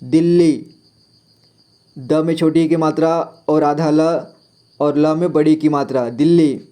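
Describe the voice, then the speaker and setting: A man teaching beginners, reading each word aloud slowly and patiently. His voice sits a little high but has a dark, mellow tone. Crickets chirp faintly behind him. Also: fairly even intonation. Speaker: Hindi teacher. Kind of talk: slow spelling lesson for beginners.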